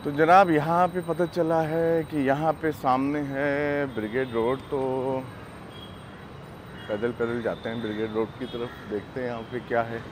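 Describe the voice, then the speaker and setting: A middle-aged man from Pakistan narrating a casual walking travel vlog outdoors on a lapel mic, unhurried and chatty with many fillers. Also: mid-range voice, little pitch movement. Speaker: travel vlogger. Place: busy city street outdoors. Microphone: clip-on lapel mic. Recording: outdoor street noise. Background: street traffic.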